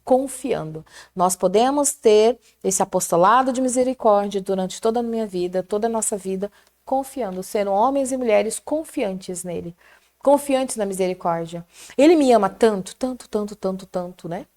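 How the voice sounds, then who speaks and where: Middle-aged Brazilian woman, lively storyteller sharing her faith, fervent and chatty. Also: mid-range voice, normal speed. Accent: Brazilian Portuguese. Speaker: prayer group guest. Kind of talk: casual testimony chat.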